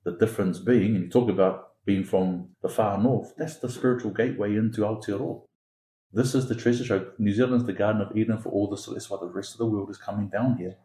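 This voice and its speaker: Podcast guest, male, from Singapore: warm low voice, insistent repetitive delivery, roomy sound. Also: steady tone, fast talker. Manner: emphatic, repetitive, builds points through extended metaphor. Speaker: founder of an education academy, podcast guest. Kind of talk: conversational podcast interview.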